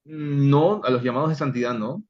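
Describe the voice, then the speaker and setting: A man with a mid-range voice leads an online Bible study, sounding out Hebrew words slowly and deliberately for his listeners. The sound quality is lo-fi.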